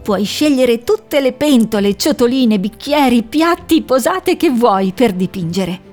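A woman voicing a young female owl who is cheerful and caring, talking in a bright, reassuring way. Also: fairly high pitch, animated, a little slow, soft background music. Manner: bright, reassuring, a little anxious underneath.

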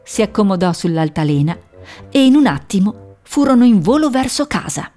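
A woman narrating a children's story in a gentle, measured storytelling manner. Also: medium pitch, sing-song, soft background music.

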